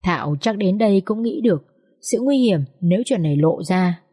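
Breathy female storyteller, expressive, drama audiobook. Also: mid-range voice, moderate pace. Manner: expressive, commenting on the characters. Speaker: audiobook narrator.

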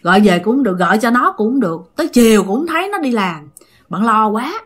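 A woman's voice: a little high, very animated, quick pace. A woman with a Southern Vietnamese accent, animatedly telling a ghost story sent in by a listener and addressing her audience directly.

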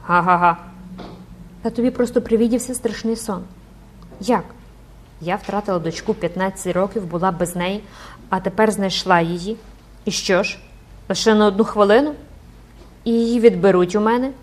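Woman playing an older mother, frantic, tearful, loud outcries, audiobook. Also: mid-range voice, normal speed, long pauses, slight background noise, natural voice. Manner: emotional, exclaiming prayers.

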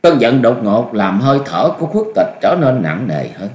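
A man narrating a martial arts story with an expressive, dramatic reading. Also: mid-range voice, moderate pace. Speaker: audiobook narrator. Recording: echoey room.

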